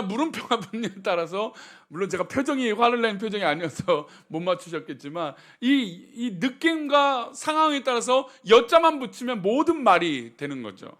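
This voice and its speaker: A man's voice: high voice, a bit bright. A male pastor giving a sermon, telling humorous stories and asking the congregation rhetorical questions. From Seoul.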